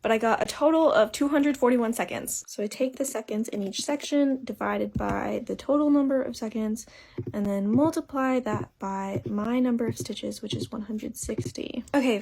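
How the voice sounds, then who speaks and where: A young woman vlogging casually about her crochet project, chatty and enthusiastic as she counts stitches and numbers aloud. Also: on the high side.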